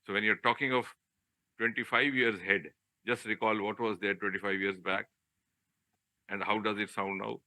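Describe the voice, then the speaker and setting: An older man with an Indian accent gives a podium speech as chief guest, in a discursive, halting manner with rhetorical questions. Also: lowish voice, little pitch movement, pushed and bright. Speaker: chief guest speaker, public official. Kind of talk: podium speech to trainees in a hall. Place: auditorium hall, live address.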